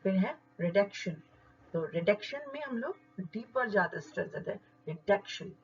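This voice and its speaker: Female English tutor, patient and explanatory, slightly dull audio, soft music underneath. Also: mid-range voice, expressive. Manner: slow deliberate word-by-word modelling of stress. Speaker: English teacher. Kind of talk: explanatory lesson.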